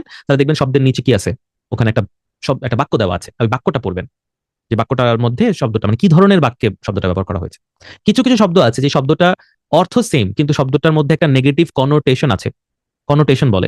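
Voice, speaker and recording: A man's voice: mid-range voice, darkish tone, no echo. Bangladeshi man teaching in a dry room. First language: Bengali. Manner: explains slowly, says words in English inside Bengali talk; writes on a board while talking. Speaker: IELTS teacher. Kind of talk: online lesson.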